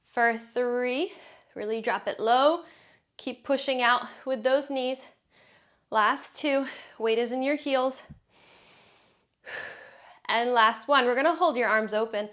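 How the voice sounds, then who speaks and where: This woman, a fitness instructor, exercises along as she leads a workout, a little out of breath while she counts reps, cues breaths, and encourages. She takes it slowly and pauses often, in a voice on the high side and a bit bright.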